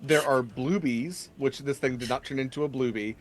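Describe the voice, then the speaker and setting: Speaking at a medium pitch, this man runs a tabletop game, improvising the story in a hesitant, conversational manner.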